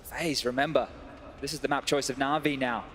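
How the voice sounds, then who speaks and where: A man's voice: mid-range voice, steady tone, a little fast, background noise. A man casting esports live, calling the action play by play in urgent, clipped phrases. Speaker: esports caster.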